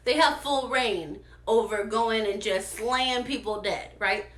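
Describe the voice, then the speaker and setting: A woman playing a young queen, calm and commanding, measured, echoey room. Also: fairly high pitch. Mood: firm.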